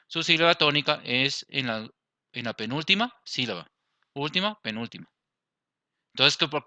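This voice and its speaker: A Colombian man teaches a grammar lesson, walking through each rule step by step and checking that his class is following. His voice is very bright and smooth. The recording is close and dry. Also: mid-range voice, no room sound. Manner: explains step by step, asks the class "¿listo?". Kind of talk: grammar lesson over slides.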